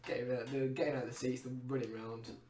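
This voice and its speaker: Playful game master in an echoey room. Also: male voice, mid-range voice, flat delivery, racing. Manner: laughing, loose and playful. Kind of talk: narrating a comedy tabletop game. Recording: echoey room, far off the mic.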